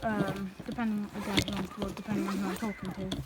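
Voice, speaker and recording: Heavy noise surrounds this quick, medium-pitched female voice with little pitch movement. A young vlogger casually chats into her phone, held or carried, as she bikes and walks through the countryside, rambling apologetically with lots of fillers and occasionally breathless.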